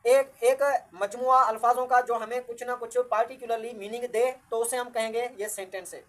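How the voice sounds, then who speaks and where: A woman's voice: fairly high pitch, steady tone, normal speed. A woman teaching a grammar lecture, patiently repeating each point and counting words aloud as she explains.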